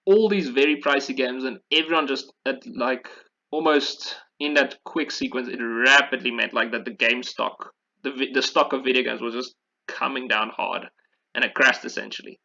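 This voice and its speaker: A podcast host rambles informally through a casual discussion of video game history. His mid-range voice is creaky, bright and forceful, at a moderate pace, and the audio sounds dull.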